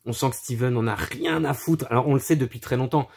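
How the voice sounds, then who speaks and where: A man's voice: mid-range voice, fast, creaky, husky. A man chatting casually about his film collection, crude and profane, mocking with frequent laughs. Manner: laughs often, animated asides. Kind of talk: casual chat.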